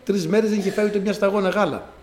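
A high-voiced man gives a sermon and recounts his personal testimony to the congregation, lively and alternating between loud cries and soft asides while acting out sounds. Slight background noise accompanies the echoey hall recording.

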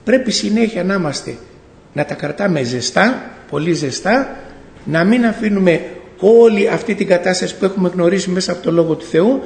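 A middle-aged man tells his faith testimony to a congregation in a gravelly, slightly high voice. He tells it like a story, acting out the dialogue and often correcting himself as he goes. The sound rings through a church hall with a long reverb. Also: animated, a little mellow. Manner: storytelling, acts out dialogue, frequent self-corrections. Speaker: church member giving testimony.

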